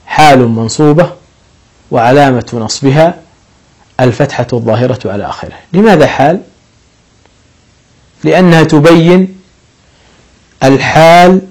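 Man, grammar teacher, methodical classroom explanation, mid-pitched voice, stresses example sentences. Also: darkish tone, husky, low-quality recording. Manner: patient, explains step by step, rises on example sentences.

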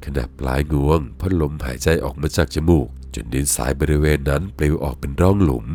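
A man with an extremely low, deep voice reads a first-person ghost story in a measured, solemn way. Faint music plays softly behind his telling. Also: dry recording.

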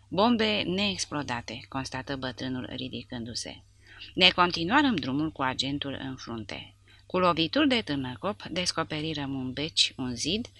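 A woman's voice: low-pitched, sharp tone, no room sound. A woman reading a war novel aloud as an audiobook narrator, with dramatic storytelling delivery. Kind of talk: scripted narration.

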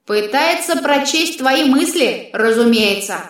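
Язвительный говорящий кот, озвученный женщиной, сухой и неторопливый тон. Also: female voice, sits high, lively intonation, unhurried. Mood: mocking. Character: sardonic talking male cat.

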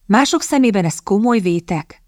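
A woman reading the part of a bold, sharp-witted young English lady who answers politely but cuttingly. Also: medium pitch, expressive, dry recording, studio quality, lightly acted.

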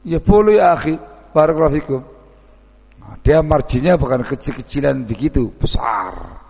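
A man giving a dawn sermon as a preacher, animated and acting out the people he describes. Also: mid-range voice, normal speed, creaky, breathy edge. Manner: animated, mixes in Javanese words, mimics townsfolk. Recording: dull, echoey hall recording.

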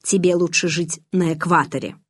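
A woman reading the lines of a guarded, brooding young man in a restrained, quiet manner. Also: on the low side, fairly even intonation, moderate pace, slightly rough.

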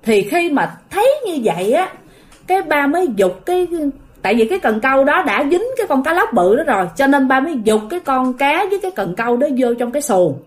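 Woman, casual ghost story narration, high pitched, very animated. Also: brisk. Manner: chatty, addresses listeners directly.

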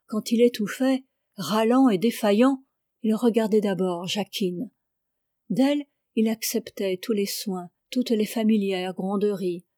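A woman narrating a classic novel as an audiobook reader, in a calm, even, literary reading close to the mic. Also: mid-range voice, no echo.

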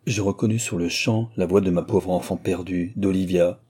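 Man reading an old novel aloud, dark mellow voice, steady. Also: sits low, normal speed, husky. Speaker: narrator. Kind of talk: audiobook reading.

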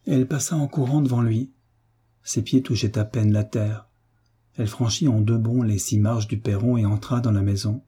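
A man reading a novel aloud in steady audiobook narration. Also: lowish voice, moderate pace, breathy edge.

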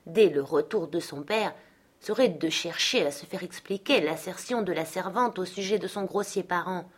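A woman narrating a classic novel as an audiobook, in a measured, even storytelling manner. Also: on the low side.

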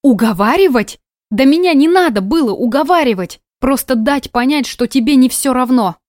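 A woman reading an audiobook, voicing a hurt, quick-tempered young woman with biting sarcasm, recorded close and dry. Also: high-pitched, expressive, a little mellow, no room sound, voice pushed up. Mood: sarcastic, heated. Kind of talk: audiobook dialogue.

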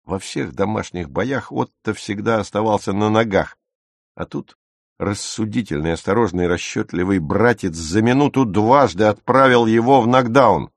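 A man narrating an audiobook with a lively, expressive reading on a close studio mic. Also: on the low side, normal speed, dry recording.

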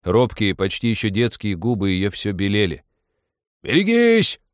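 A man narrating a literary short story in a measured, calm reading. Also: on the low side, dry recording, clean studio sound.

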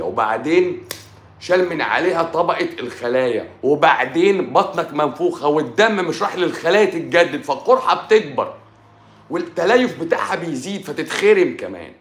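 A middle-aged man with an Egyptian Arabic accent, giving a doctor's health talk in an animated, mocking, emphatic colloquial style, mixing in English medical terms. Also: medium pitch. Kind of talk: animated lecture. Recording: echoey room.

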